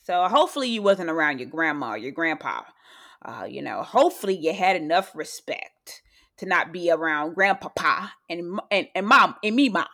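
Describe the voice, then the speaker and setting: A woman co-hosting a casual chat podcast, ranting in an animated way and repeating her phrases. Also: lowish voice, moderate pace. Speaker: podcast co-host.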